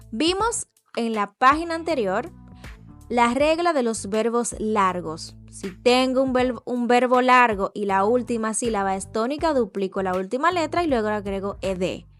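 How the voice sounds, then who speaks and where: Slow, patient woman teaching a lesson. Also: fairly high pitch, fairly bright tone. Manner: spells out letters and patterns, repeats words for practice. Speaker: English teacher. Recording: faint background music.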